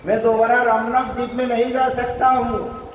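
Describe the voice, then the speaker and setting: A man voicing a frightened serpent king who begs for mercy, speaking high and loud in a sermon story. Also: level tone, moderate pace, slight background noise. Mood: pleading. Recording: echoey hall from far off.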